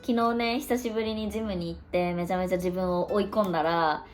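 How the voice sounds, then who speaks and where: A woman's voice: lowish voice, steady tone, a little fast, faint music behind. A woman in her twenties, an online language teacher, chatting casually through her day in a vlog, thinking aloud and stretching out her words. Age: 20s.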